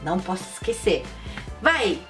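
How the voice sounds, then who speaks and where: A woman hosting a children's channel, playing a board game in an excitable, sing-song presenter way with lots of exclaiming. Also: medium pitch, moderate pace. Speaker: kids' channel host. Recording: voice a bit far from the mic, faint music.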